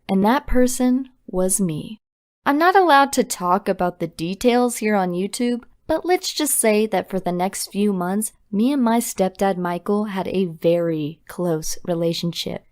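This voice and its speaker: A woman's voice: medium pitch, a little mellow. Young woman telling a dramatic story. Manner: brisk, dramatic confessional telling. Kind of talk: scripted storytime narration.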